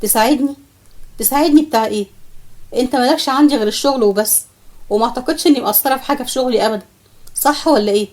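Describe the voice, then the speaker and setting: A woman's voice: high voice, rapid-fire, pauses often, a little mellow, natural voice. A woman with an Egyptian accent voicing a defensive young female employee who answers sharply. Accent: Egyptian Arabic.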